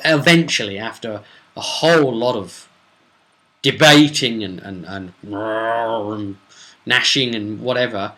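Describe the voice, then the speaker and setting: A British man with a mid-range voice, pushed and bright, recaps a role-play session as game master. His casual recap rambles, often digressing to explain and quote his characters.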